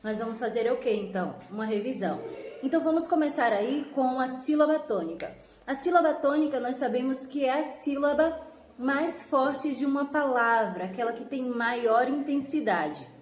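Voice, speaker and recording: A woman with a high voice walks her students through a review lesson. She is clear and didactic and slows down to stress each example word. The room gives her voice a noticeable echo. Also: slight background noise. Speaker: teacher.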